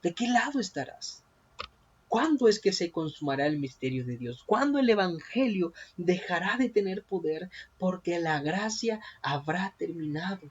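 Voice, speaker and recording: A man's voice: sits high, expressive, moderate pace, breathy edge. A man preaching a sermon on prophecy, asking his listeners many questions and calling them brothers. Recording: dull lo-fi recording.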